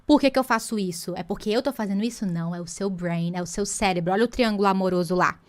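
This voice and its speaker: A Portuguese-speaking woman teaching an online English lesson, lively and playful, slowing phrases down to show them. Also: mid-range voice.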